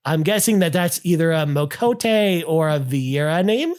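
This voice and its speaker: Guy cohosting a gaming podcast, reads listener comments, excited, trips over words a lot. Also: a little high, a little slow. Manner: enthusiastic, many restarts and "I mean". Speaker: podcast co-host. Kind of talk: casual chat reading listener comments.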